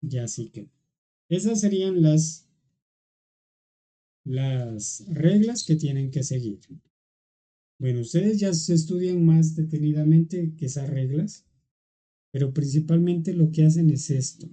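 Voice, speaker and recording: A patient teacher explaining grammar in an online class, speaking slowly and unhurriedly. The voice is very dark and mellow. They go step by step and keep checking in with the class. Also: mid-range voice. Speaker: English teacher.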